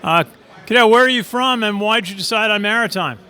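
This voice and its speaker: A man with a high, bright voice conducts casual interviews at an event. He pauses often with "uh" and answers each reply with quick praise. His delivery is friendly but halting. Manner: hesitant, many "uh" fillers, brief praise. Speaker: interviewer and video host.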